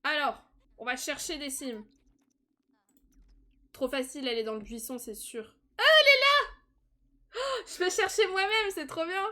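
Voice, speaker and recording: A young woman gives chatty, casual commentary on a live stream while playing a life-simulation game, laughing frequently and squealing with excitement. She speaks at normal speed in a high-pitched voice, pausing often.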